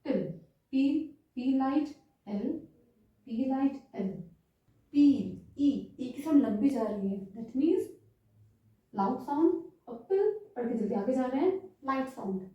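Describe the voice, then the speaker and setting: A high-voiced woman explains stenography marks slowly, step by step, drawing out the vowels she demonstrates. The recording sounds distant and dull, as if made from across a very echoey room. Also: lively intonation, warm tone. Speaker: stenography teacher. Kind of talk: slow step-by-step lesson, mixing English terms. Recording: roomy, distant, muffled sound.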